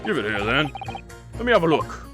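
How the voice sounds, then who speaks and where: A blunt, folksy working man of Victorian streets, acted by a game player. He chats plainly with a lively rise and fall, and game music plays clearly behind. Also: mid-range voice, a little fast, lightly acted. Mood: gruff, matter-of-fact. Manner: colloquial, folksy, tags like "see?" and "like". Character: plain-spoken working-class male Victorian road labourer, blunt and chatty.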